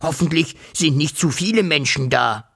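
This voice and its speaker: Ein Mann spielt einen rauen, fauchenden dreiköpfigen Drachen. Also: male voice, on the high side, moderate pace, creaky, a bit bright, breathy edge, pitched above the performer's own voice, exaggerated voice. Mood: tired. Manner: hissing, matter-of-fact. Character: three-headed male dragon, friendly and helpful.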